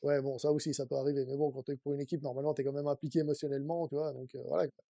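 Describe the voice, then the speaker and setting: A man's voice: mid-range voice, flat delivery, rapid-fire, creaky, warm tone, dry recording, dull audio. A man co-hosting a casual football chat over a remote call, chatty and joking, with many fillers. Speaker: podcast co-host.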